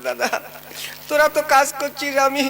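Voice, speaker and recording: A man's voice: very high-pitched, little pitch movement, normal speed, pushed and bright, heavily acted. A man voicing a lazy, idle younger brother in a comic sketch, pleading and whining.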